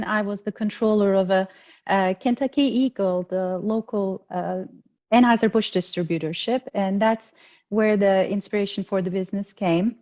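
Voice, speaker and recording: A woman's voice: medium pitch, darkish tone. A woman from Turkey speaks, introducing her accounting business on a panel in a friendly, upbeat way. The sound is somewhat dull and lo-fi.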